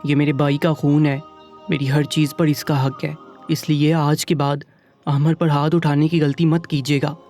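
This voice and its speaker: A man's voice: fairly high pitch, level tone, darkish tone, soft background music, close to an everyday voice. A man voicing a devoted young man, the brother of a dead husband, in a storybook reading, earnest and pleading. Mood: stern.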